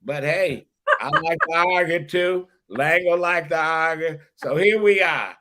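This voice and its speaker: Boastful and tripping over his words, a middle-aged Detroit-area podcast host from Michigan laughs at his own jokes during a casual chat. His fairly high voice moves at a measured pace against a noisy background.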